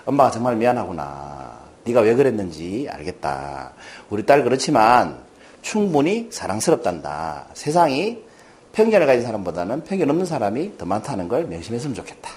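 A man voicing a loving mother who gently comforts her daughter, speaking softly and slowly. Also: medium pitch, very animated, pitched below the performer's own voice, close to an everyday voice. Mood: tender.

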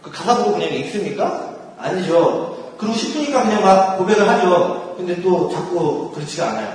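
Man, faith talk to a group, high lively voice, laughs often, miked from far off in an echoey hall. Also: normal speed. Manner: laughs often while talking; acts out quoted prayers and inner thoughts. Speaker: speaker at a church gathering.

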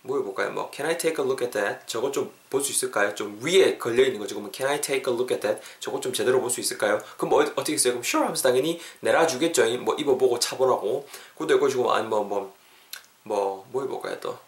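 A man teaching a language lesson in an easy, encouraging way, repeating phrases slowly so listeners can follow. His voice sits at a middle pitch and carries a roomy echo around it. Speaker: English teacher.

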